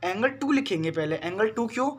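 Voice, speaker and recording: Male math tutor, high voice, patient step-by-step classroom delivery, Hindi-accented English terms, faint hiss behind. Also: expressive, fairly quick. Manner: patient, repeats questions to students. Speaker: math teacher. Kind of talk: classroom lesson.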